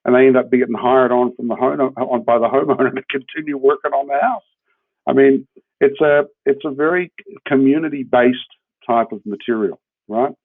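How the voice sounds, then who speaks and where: A man with a New Zealand accent, a hemp builder appearing as a podcast guest, talks informally about his work and often checks in with the listener. His medium-pitched voice is steady, creaky and slightly rough, at a moderate pace. The line is muffled and narrowband like a phone, with no room sound.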